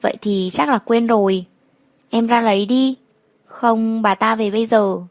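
A woman's voice: on the high side, fairly even intonation, unhurried, no echo. A woman voicing a bossy older sister. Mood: coaxing. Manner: coaxing, bossy. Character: older sister, young village girl, bossy but caring.

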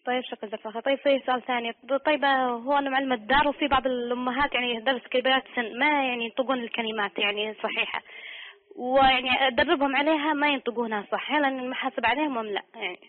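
Woman caller, halting and repetitive, rapid speech, phone-line sound. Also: high voice, steady tone. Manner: hesitant, repeating herself with many fillers. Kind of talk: phoning in a question. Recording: tinny phone line on radio.

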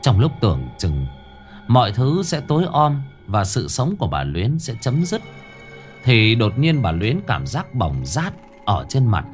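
A man's voice: mid-range voice, wildly swooping pitch, a little slow, soft background music. A man narrating a horror story in a vivid, dramatic way.

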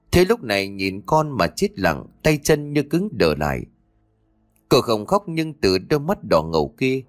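A man narrating a horror audiobook in an expressive, dramatic storytelling style. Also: on the low side.

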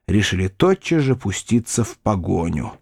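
Expressive male audiobook narrator. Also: sits low, moderate pace, gravelly, slightly rough, dry recording, studio quality. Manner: expressive literary reading. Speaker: audiobook reader. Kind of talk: scripted narration of classic fiction.

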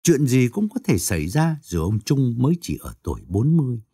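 A man narrating a story aloud in an expressive storytelling manner. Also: brisk, slightly rough, no echo, clean studio sound. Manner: expressive storytelling with swooping pitch.

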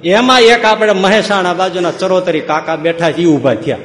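A man's voice: high voice, moderate pace, a bit bright. A man giving a spiritual discourse, telling stories and firing off sarcastic, humorous rhetorical questions. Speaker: preacher. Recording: echoey hall.

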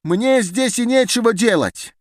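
An indignant male geneticist, voiced by a male audiobook reader, hurls his words in a high, animated voice. He sounds heated and declamatory, rising toward shouts, recorded close and dry. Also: unhurried, no echo. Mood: defiant. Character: agitated male geneticist defying a meeting. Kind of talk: audiobook character voice.

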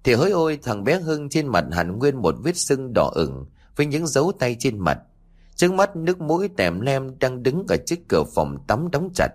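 A man narrating a horror audiobook in an expressive, dramatic way. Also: mid-range voice, moderate pace. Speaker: storyteller.

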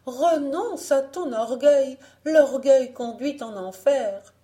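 A woman voicing a humble, devout widowed mother from a storybook who loudly pleads with her proud daughter. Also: high-pitched, takes it slowly, pitched above the performer's own voice. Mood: alarmed scolding. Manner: pleading, scolding.

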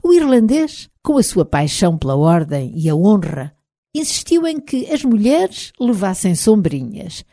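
A woman with a European Portuguese accent narrating an audiobook in the first person, in a measured, expressive reading. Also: mid-range voice, no echo, clean studio sound.

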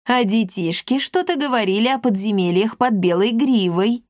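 A woman voicing a calm, sly male gendarme who speaks softly and coaxingly. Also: lowish voice, no echo, clean studio sound, lightly acted. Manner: slow, soft and coaxing.

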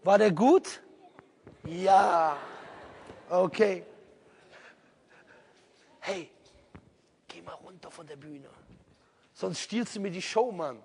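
A man preaching on stage in a lively, argumentative sermon style, full of rhetorical questions. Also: high voice, slow pace, vocal fry, long pauses, slight background noise. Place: stage in a large venue. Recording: long hall reverb.

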